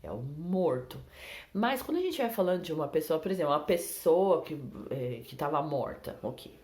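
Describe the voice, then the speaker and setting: A young Brazilian woman with a low-pitched voice teaches English to Portuguese speakers. She talks in a relaxed, chatty way and often stops to check that her students are following. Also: moderate pace. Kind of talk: casual online English lesson.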